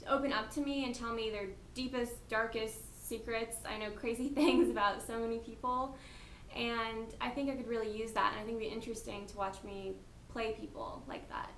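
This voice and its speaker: A woman's voice: a little high, fairly even intonation, normal speed, fairly bright tone, a little hiss or hum. Giggly young woman in an echoey room. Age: 20s. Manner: giggly, chatty, slightly nervous. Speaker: reality show applicant. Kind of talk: casting interview.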